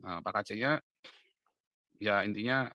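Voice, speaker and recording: A man preaching in a casual monologue, dropping to low asides and then rising to loud, insistent urging, often ending with a tag question. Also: measured pace, dry recording, highs cut off. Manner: emphatic, swings from low asides to loud insistent urging, frequent "ya kan?" tags. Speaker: preacher and online commentator. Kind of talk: casual direct-to-camera monologue.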